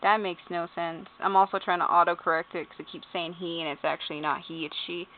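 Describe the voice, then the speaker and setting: A woman at home with a lowish voice, level tone, and fairly quick pace reads game character bios, offering amused, casual commentary. The YouTuber spells out names letter by letter, laughs, and swears, and the audio sounds tinny, like a phone.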